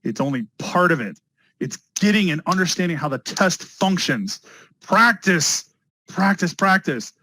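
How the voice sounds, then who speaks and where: A man teaching a test prep class live, energetic and talking straight to his students, often repeating key words. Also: on the high side, moderate pace, rough recording. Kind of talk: live online class lecture.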